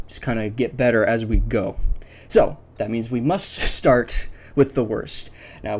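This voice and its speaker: A man with a medium-pitched, slightly mellow voice hosts a video ranking a series list. It's casual and unscripted, as he thinks aloud conversationally and offers his opinions.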